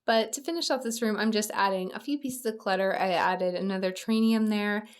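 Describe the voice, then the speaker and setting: Casual young woman host, cheerful game-build voice-over, mid pitch, slightly tired voice. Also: fairly quick. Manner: chatty, upbeat, frequent small laughs. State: slightly losing her voice.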